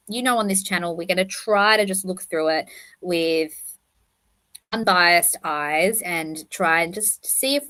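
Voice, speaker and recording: A woman hosting a casual livestream commentary speaks in a low-leaning, slightly bright voice, with a lisp and a whistling s. She chats rambling along, correcting herself as she goes.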